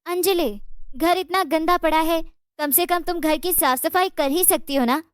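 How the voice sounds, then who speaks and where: A woman voicing a spoiled, rude young daughter-in-law in a cartoon story, talking in a shrill, demanding way. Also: moderate pace, dry recording, clean studio sound. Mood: bossy.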